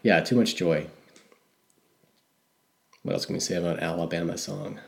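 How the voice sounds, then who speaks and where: Very deep-voiced man chatting about music. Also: normal speed, creaky. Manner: rambling, self-correcting, hedging. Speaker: podcast co-host. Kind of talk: casual music discussion.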